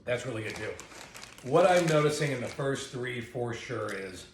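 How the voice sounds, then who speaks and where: A man's voice: mid-range voice, animated, normal speed. A man chatting casually as co-host of a snack taste test, eating crunchy chips between remarks. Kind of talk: casual chat while tasting food. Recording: echoey room with faint noise.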